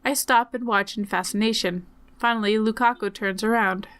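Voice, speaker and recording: A woman reading a visual novel aloud as expressive narration while she plays. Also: mid-range voice, moderate pace, clear, resonant tone. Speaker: game player reading aloud.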